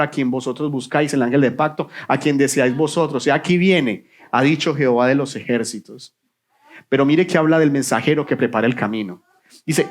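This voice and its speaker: A man preaching a sermon as pastor in a church, asking questions and answering them himself, dropping to a quiet low voice on the answers. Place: church sanctuary.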